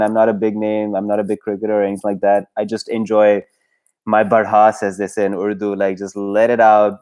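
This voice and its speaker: Male livestream host, lowish voice, loose rambling delivery full of fillers and restarts. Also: warm tone. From Pakistan. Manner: rambling, hesitant, heavy on fillers, often laughs. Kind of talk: casual solo livestream chat.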